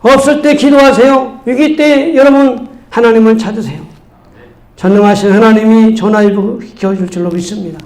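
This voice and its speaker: A man's voice: sits high, steady tone, normal speed, a little mellow, rough recording. A male pastor preaching a sermon with fervent exhortation.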